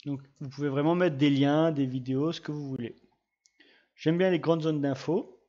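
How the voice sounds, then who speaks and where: A man giving a casual screen-recorded software tutorial, chatting through each click with little sound words. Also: on the high side, highs cut off. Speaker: GIS tutorial presenter.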